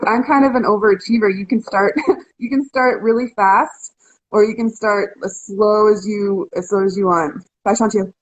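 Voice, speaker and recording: A talkative woman co-hosting a casual live chat. She laughs easily and keeps restarting her sentences as she goes. Her voice sits at an ordinary middle pitch for a woman. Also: fairly even intonation, moderate pace, lo-fi sound, a little hiss or hum. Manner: chatty, laughs often, many restarts. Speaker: co-host.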